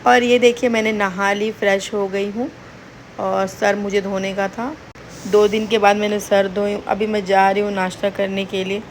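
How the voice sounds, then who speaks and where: A woman's voice: medium pitch, flat delivery, normal speed, a little hiss or hum. A young woman chatting to viewers in a casual home vlog, recorded indoors. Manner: chatty, addresses viewers directly. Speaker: vlogger.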